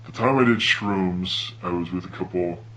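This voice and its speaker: A young man from Hawaii telling a personal story in a laid-back, slangy, animated way. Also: low-pitched, moderate pace, low-quality recording. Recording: noticeable hum and background noise.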